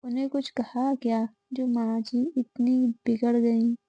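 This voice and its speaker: A woman reading the lines of a calm, dutiful grown son who speaks in a reasoning way. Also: fairly high pitch, unhurried, slightly rough, no echo. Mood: concerned. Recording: dull lo-fi audio.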